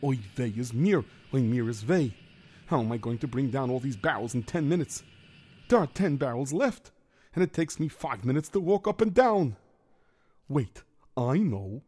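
A man's voice: medium pitch, very animated, moderate pace, a little mellow, breathy edge. A man doing a fretful bumbling worker. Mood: scheming. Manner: fretful, sighing laments, stammering. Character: bumbling hapless male worker, fretful and clumsy.

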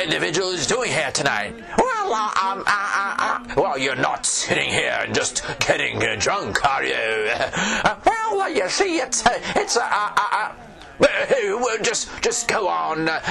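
A man's voice: fairly high pitch, vocal fry, heavily acted. A man voicing a sly, evasive priest in a storybook tale, stalling with many fillers. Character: sly suspicious male village priest.

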